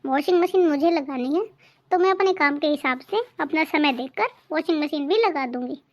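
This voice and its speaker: A woman's voice: high voice, normal speed, highs cut off, close to an everyday voice. A woman voicing a young daughter-in-law in a cartoon family drama, polite but firm when she answers back.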